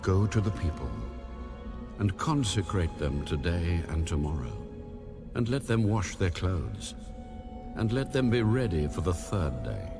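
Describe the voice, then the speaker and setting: Casting: God in an audio Bible drama, commanding, deep, very measured delivery. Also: male voice, sing-song, over music, exaggerated voice. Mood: solemn command. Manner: solemn, deliberate. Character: God, a solemn commanding male deity giving stern orders.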